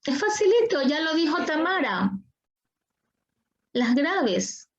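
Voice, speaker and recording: A woman's voice: high-pitched, big pitch swings, slow, muffled recording. A woman teaching an online class, patient and coaxing, repeating her questions to the students over a video call.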